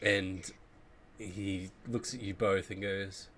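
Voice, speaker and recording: A man's voice: low-pitched, fairly even intonation, takes it slowly, sharp tone, a little hiss or hum. A man narrating as game master, loosely searching for words with um and like.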